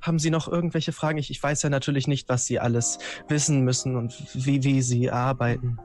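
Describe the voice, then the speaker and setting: A man's voice: mid-range voice, fairly even intonation, brisk, a little mellow, close to an everyday voice. A young man voicing a worried, pleading elderly lady in a tabletop role-play, with music behind. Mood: flustered, worried. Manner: flustered, hesitant, pleading. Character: worried elderly wealthy lady seeking her missing grandson.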